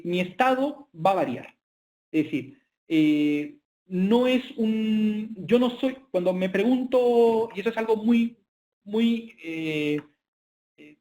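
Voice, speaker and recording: Male lecturer with a slightly high voice, halting delivery full of filler sounds, presenting slides online. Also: darkish tone. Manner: hesitant, frequent filler sounds.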